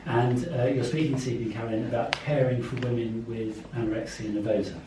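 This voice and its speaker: A man's voice: medium pitch, fairly even intonation, fast. Guy hosting a seminar, introducing the speaker, super echoey and noisy. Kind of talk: informal spoken introduction. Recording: very echoey room, distant mic, noisy.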